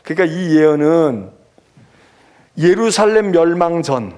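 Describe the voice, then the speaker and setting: A male pastor giving an animated sermon that he teaches through rhetorical questions. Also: on the high side, measured pace, clean tone. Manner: animated, acts out scolding and comforting voices; asks the congregation rhetorical questions.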